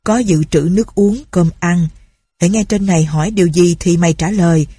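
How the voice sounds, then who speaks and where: A sly male accomplice in a storybook, plotting in clipped, conspiratorial lines, put on by a woman reader. His voice is husky and dry. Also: fairly low pitch, normal speed, warm tone, dry recording. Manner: curt, conspiratorial.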